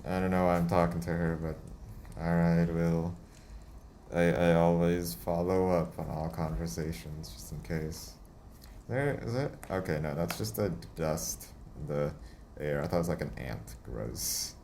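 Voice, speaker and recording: Brief: low-voiced man narrating his gameplay, chatty, audible background hiss. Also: unhurried, a little mellow. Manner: chatty, laughing, self-talking. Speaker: let's play host. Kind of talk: casual gameplay commentary.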